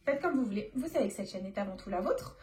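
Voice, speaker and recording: A woman casually talking through a scratch-card game, giving chatty running commentary that often drops to a soft near-whisper. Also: medium pitch, expressive, fast talker, slightly rough. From France.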